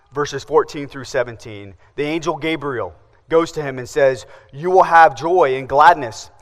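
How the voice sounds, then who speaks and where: A man's voice: on the high side, a bit bright, long reverb tail. A man preaching a sermon as pastor, asking the congregation questions and answering them himself.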